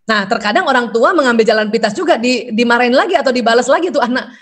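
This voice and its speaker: A woman's voice: a little high, lively intonation, quick pace. A middle-aged woman giving a parenting seminar, asking rhetorical questions and acting out short lines of parents and children. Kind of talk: lecture to an audience.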